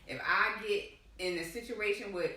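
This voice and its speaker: A woman's voice: medium pitch, moderate pace, sharp tone, heavy reverb, far from the mic, a little hiss or hum, poor audio. A woman co-hosting a casual live-stream chat, talkative and calling her listeners y'all. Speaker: co-host.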